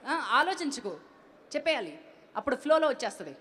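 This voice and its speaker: A woman anchoring a live launch event on a handheld mic, playful and lively, slipping English phrases into her talk. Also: high-pitched, brisk, slight background noise. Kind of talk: live stage hosting. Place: large event hall. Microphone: handheld stage mic. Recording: long reverb of a large hall.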